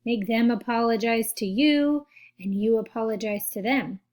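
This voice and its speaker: A woman giving a gentle, patient social skills lesson to children, speaking straight to them. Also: fairly high pitch, moderate pace. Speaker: teacher for children.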